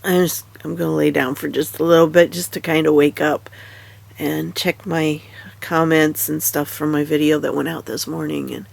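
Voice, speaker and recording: A tired woman with a stuffy nose, half awake and chatting casually in a rambling, halting way. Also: deep voice, little pitch movement, gravelly, no echo. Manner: rambling, halting, many fillers and restarts. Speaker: vlogger. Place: in bed at home.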